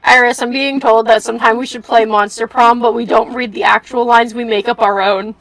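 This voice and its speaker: A woman with a fairly high voice talks casually on a stream. She is scattered and giggly, half talking to herself. The sound is dry, with faint music behind her. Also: fairly even intonation, a little fast, a bit bright, no echo, poor audio. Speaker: streamer playing and voicing a game with friends. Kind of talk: casual chat.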